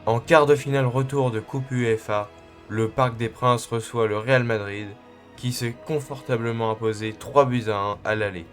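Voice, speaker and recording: A man delivers scripted documentary narration about sports history. His voice is mid-pitched, with music playing softly behind it. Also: fairly even intonation, normal speed. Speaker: narrator of a football club history.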